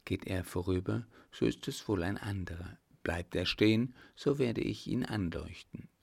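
A man's voice: low-pitched, normal speed, vocal fry, a little mellow, breathy edge, full character voice. Man reading as a plotting baron. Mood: conspiratorial. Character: plotting nobleman baron, cautious conspirator.

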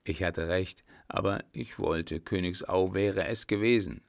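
A man voicing a scheming army captain in a spoken storybook, talking tense and hushed. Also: deep voice, a little slow, gravelly.

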